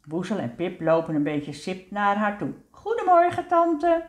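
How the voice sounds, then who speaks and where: A woman narrating a children's story in a gentle, unhurried way. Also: on the low side, echoey room. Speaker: storybook reader.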